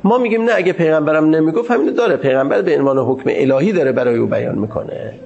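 A man teaching a seminary lecture on jurisprudence in a formal, measured way, pausing often to find his words. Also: fairly high pitch, lively intonation, creaky, a little mellow, muffled recording.

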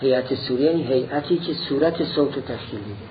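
Slow, deliberate male lecturer, lo-fi. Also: medium pitch, slight background noise. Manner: slow and deliberate, repeating points step by step. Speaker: teacher of philosophy. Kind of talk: slow explanatory lecture on a classical text.

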